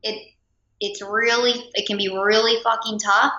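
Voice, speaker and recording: A woman talks casually as a podcast guest, with an emphatic, motivational manner. Her voice is fairly high and sharp. The recording is roomy and somewhat lo-fi, and her phrasing is loose and informal. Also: flat delivery, measured pace. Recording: roomy, dull lo-fi audio.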